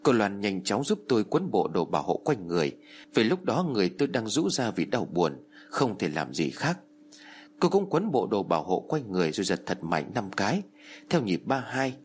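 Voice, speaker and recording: A man narrating a horror story, voicing the shouts and pleas of its characters in a dramatic storytelling manner. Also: big pitch swings, moderate pace, a little hiss or hum. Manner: acts out the characters' shouts and pleas with raised pitch.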